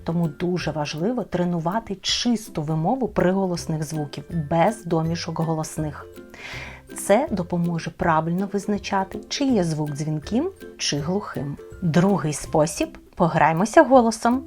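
A woman teacher explaining speech sounds in a clear, deliberate children's lesson. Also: lowish voice, animated, darkish tone, faint music behind.

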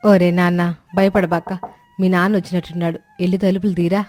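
A woman's voice: fairly low pitch, flat delivery, brisk, a little mellow, close to an everyday voice. A woman voicing a long-suffering, devoted wife and mother who pleads with her drunk husband. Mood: gentle.

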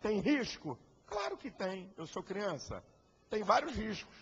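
Husky, high-pitched man preaching fiercely. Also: sing-song, a little slow, fairly bright tone. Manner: fiery, combative preaching with rhetorical questions. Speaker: pastor. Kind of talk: sermon. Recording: echoey hall, dull lo-fi sound.

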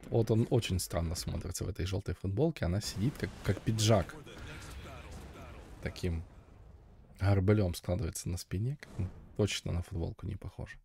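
Gravelly low-voiced man, casual gameplay commentary. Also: normal speed, dark tone, a little hiss or hum. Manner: muttering, offhand, short fragmented remarks. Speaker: gamer, video host. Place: voice-over on game footage.

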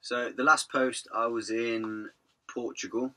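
A hoarse man, telling his vanlife story in a rambling, chatty way. He says he is losing his voice. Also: mid-range voice, little pitch movement, slow, sharp tone. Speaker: vanlife vlogger. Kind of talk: casual vlog narration.

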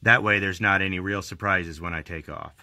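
A man in his forties with a low, bright, forceful voice speaks plainly and fairly quickly, with fairly even intonation and plenty of fillers. He's a vlogger filming a casual how-to on car maintenance, holding the camera at arm's length in his car and out in a driveway while he works, with slight background noise.

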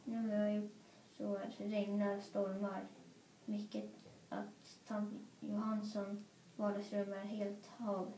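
A woman reading a children's story aloud in an expressive, playful way. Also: mid-range voice, hardly any pauses, slight background noise. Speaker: storybook reader. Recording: roomy echo.

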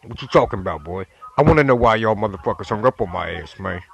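A man's voice: lowish voice, lively intonation, fast, vocal fry. A man playing a brash, profane prank caller who swears and demands apologies. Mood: belligerent.

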